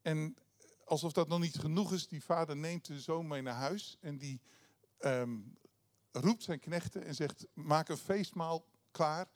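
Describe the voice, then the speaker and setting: A man's voice: fairly high pitch, unhurried, darkish tone. A man preaching a sermon, retelling a parable in a conversational way, with frequent hesitations and restarts.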